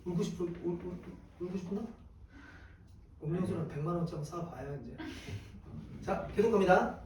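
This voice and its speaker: A male teacher giving a classroom lecture. He asks questions and answers them himself in a lively way. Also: sits high, a little fast, slight background noise. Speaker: Korean exam prep teacher. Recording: echoey room from a distant mic.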